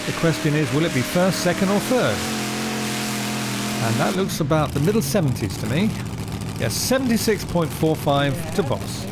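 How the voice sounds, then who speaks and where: A man's voice: fairly high pitch, very animated, normal speed, over loud music. A man commentating as a tractor pull announcer, calling runs and distances in a motorsport style. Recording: loud engine and vehicle noise. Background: roaring tractor engines.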